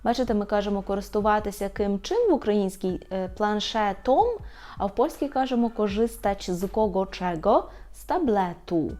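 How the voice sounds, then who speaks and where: A woman teaching an online language lesson, patiently saying each word slowly and repeating it for practice. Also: mid-range voice, dark tone.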